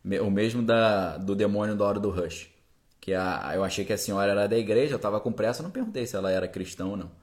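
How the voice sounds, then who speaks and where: A man's voice: lowish voice, fast, a little mellow. A man, a podcast host and preacher, telling a first-person story in a conversational way that keeps checking in with listeners.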